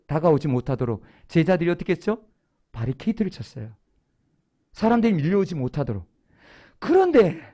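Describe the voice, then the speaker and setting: A preacher in a church sanctuary, giving a Sunday sermon. The voice sits at a middle pitch but swings widely up and down. The preacher keeps asking the congregation questions and then answers them in a storytelling way. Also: warm tone.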